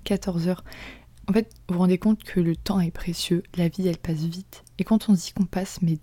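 A young woman hosting a podcast in a casual confessional monologue, chatty and slangy, often dropping into soft whispered asides. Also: fairly low pitch, fairly even intonation, moderate pace, dry recording. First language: French. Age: young adult. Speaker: podcast host.

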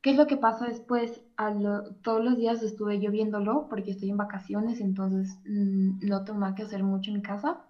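A young woman with a Mexican accent, haltingly telling an advice host about a personal matter, full of fillers and restarts. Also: medium pitch, little pitch movement, lo-fi sound. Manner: hesitant, many fillers and restarts.

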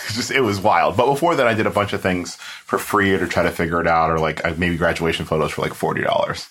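A young man from South Florida, a photographer guest, chatting casually in a relaxed, rambling way, full of "like". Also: low voice, brisk. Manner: relaxed, rambling, heavy use of "like". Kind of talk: casual interview chat.

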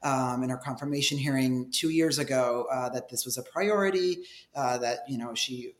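Guy guest on an interview, mid pitched, measured stop-and-start answers, echoey room sound. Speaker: policy director, interview guest.

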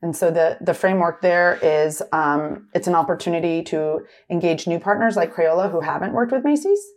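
Middle-aged woman guest, lowish voice, keeps saying "right?" and "like", chatty and quick. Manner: fast, filler-heavy, tag questions like "right?". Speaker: retail executive guest. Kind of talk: conversational interview.

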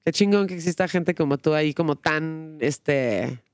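A man with a Mexican accent hosting a casual interview, relaxed and slangy. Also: fairly high pitch, moderate pace, no room sound, studio quality. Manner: laid-back, slangy, brief affirmations. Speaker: interview host. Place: radio studio.

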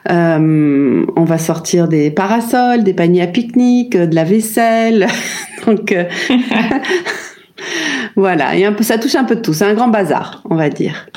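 A French woman in her fifties answering interview questions about her life and work, thoughtful and hesitant, with many pauses and restarts. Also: mid-range voice, lively intonation, darkish tone. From France. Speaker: brand founder, guest.

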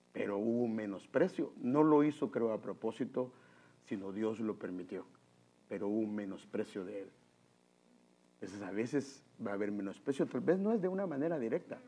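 A man preaching a sermon, telling stories and repeatedly calling his listeners brother. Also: lowish voice. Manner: animated, addresses the congregation as brother. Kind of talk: sermon with storytelling.

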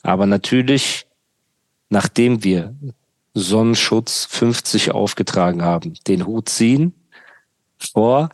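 A man's voice: lowish voice, slow pace, pauses often, dry recording. A young man hosting a podcast, ranting sarcastically in casual chat full of street slang. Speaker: podcast host.

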